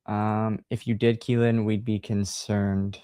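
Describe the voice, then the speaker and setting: A man hosting a livestream, chatting casually and reading a horror book aloud in a relaxed, sighing manner. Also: lowish voice, slow, smooth, no room sound, clean studio sound. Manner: relaxed, sighing, laid-back.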